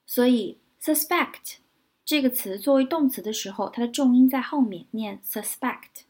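A woman teaching English vocabulary in a lesson, spelling words out letter by letter and repeating example sentences slowly. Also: high voice, darkish tone, slightly rough.

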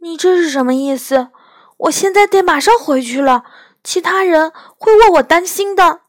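A woman's voice: medium pitch, normal speed, clear, resonant tone, no echo, clean studio sound, close to an everyday voice. A woman voicing a caring, anxious little girl who speaks eagerly and urgently in a storybook reading. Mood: worried.

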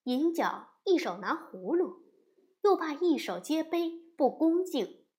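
A woman narrating a classic storybook tale with a slow, expressive reading. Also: high-pitched.

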